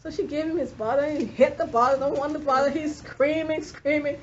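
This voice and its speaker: A woman in her fifties giving a lively classroom lecture, quizzing her students as a nursing instructor. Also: high voice, fast. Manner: animated, questioning the class. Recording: dull lo-fi classroom recording with faint noise.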